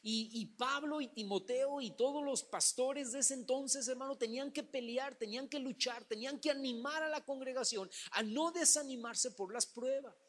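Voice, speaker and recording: A pastor delivering a Sunday sermon, addressing the congregation as brothers and acting out Bible stories. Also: male voice, very high-pitched, normal speed, hardly any pauses, a bit bright.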